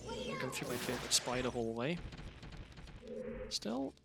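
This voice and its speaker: A man's voice: medium pitch, fairly even intonation, moderate pace, gravelly, over music. A man streaming a video game late at night, talking to himself in a dry, self-deprecating mumble while sleepy. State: sleepy, yawning. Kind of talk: casual gameplay commentary.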